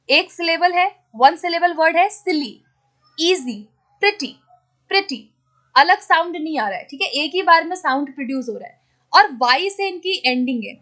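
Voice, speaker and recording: A woman teacher giving an exam-prep grammar lesson, asking questions and then answering them, checking in often, and spelling out example words slowly. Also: high voice, fairly bright tone.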